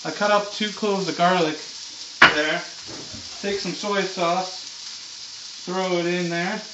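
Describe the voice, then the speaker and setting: A man's voice: high-pitched, steady tone, slow pace, heavy background noise. A man giving a casual, unscripted cooking demonstration as host, with a loose, slangy, laid-back stoner-like way of talking, recorded in a home kitchen on a distant camera mic. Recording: muffled, echoey room, far from mic.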